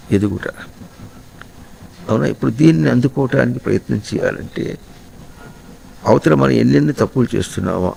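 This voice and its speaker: A man giving a slow, reflective spiritual discourse to householders, often pausing to ask his listeners questions. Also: mid-range voice, vocal fry, mellow, a little hiss or hum, rough recording. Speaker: spiritual teacher.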